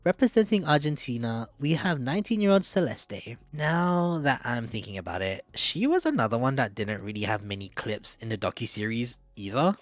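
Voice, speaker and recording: A man's voice: mid-range voice, no echo. A man giving casual, candid opinion commentary in a chatty way, often hedging with "like" and "I don't know". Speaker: video essayist.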